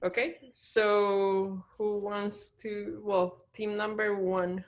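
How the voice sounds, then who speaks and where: A woman runs an online workshop and explains how the pitches will go. She keeps a flat, even tone and talks loosely with many fillers. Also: drawn-out words. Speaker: session facilitator. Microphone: video call.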